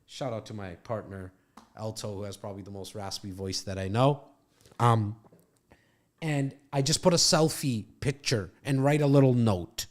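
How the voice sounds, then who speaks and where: A lowish voice at a moderate pace marks this middle-aged real estate coach, who hosts a podcast from his home studio and mentors a guest casually with brash, profane pep-talk energy.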